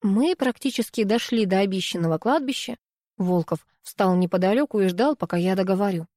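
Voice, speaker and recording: A young woman reading a first-person story aloud in a lively, expressive way. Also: medium pitch, fairly quick, no echo, clean studio sound. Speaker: audiobook narrator.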